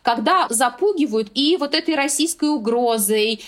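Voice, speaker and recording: A woman giving measured, opinionated political analysis in a talk show conversation. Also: sits high, expressive. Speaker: political commentator.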